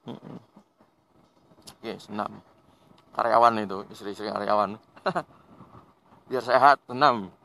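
Riding outdoors on country roads, this Indonesian motovlog host keeps up a relaxed, chatty running commentary, laughing often and talking to his audience like friends. His fairly low, creaky voice goes slowly, with many pauses.

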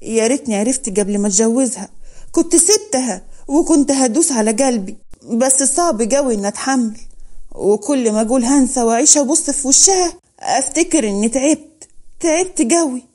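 A woman's voice: sits high, fairly quick, dark tone. Woman voicing a heartbroken husband. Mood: weary, anguished. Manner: sighing, pained inner monologue. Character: heartbroken young husband, weary, pleading to God.

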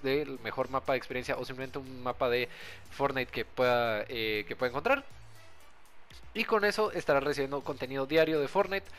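A young man who creates and hosts gaming videos walks viewers through a gameplay tutorial, speaking directly to them in a casual, friendly, informal way. His voice is medium-pitched with a fairly bright tone.

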